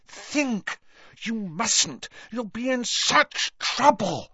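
An earnest teenage girl from a storybook, voiced by a male reader. The voice is lifted high, anxious and pleading with urgency. The recording is dry and a touch muffled. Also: lively intonation, drawn-out words, bright, forceful tone, husky, dry recording, heavily acted.

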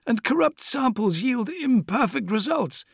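A man's voice: extremely high pitch, animated, unhurried, vocal fry, husky, no room sound, studio quality, pitched above the performer's own voice, exaggerated voice. A man doing a fawning apothecary. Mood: smug. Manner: oily, excusing, obsequious. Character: sly, fawning male apothecary-scientist.

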